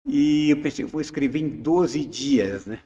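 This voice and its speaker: A man in his seventies speaks slowly and hesitantly as an interview guest, circling back with fillers and restarts. The recording is dull and muffled, with a long reverb tail. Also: on the high side, warm tone, a little hiss or hum. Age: 70s. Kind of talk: casual interview chat.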